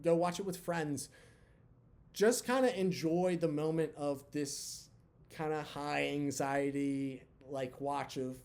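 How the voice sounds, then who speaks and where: A man hosting his own video channel, chatting candidly with lots of fillers, his voice a bit hoarse from talking long. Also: on the high side, a little mellow. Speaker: basketball channel host. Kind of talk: casual talk to camera.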